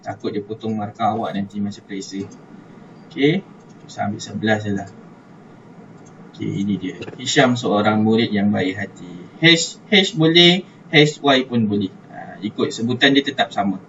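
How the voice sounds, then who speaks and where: A man's voice: medium pitch, fairly bright tone. Malaysian male religious teacher, online lesson, talks through his steps, far-off muffled mic with faint hiss. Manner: chatty, repeats words, thinks aloud while writing.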